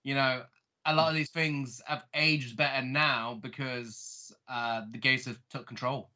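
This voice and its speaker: Bright-voiced male podcast host. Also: mid-range voice, steady tone, unhurried. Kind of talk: casual chat with plot recap.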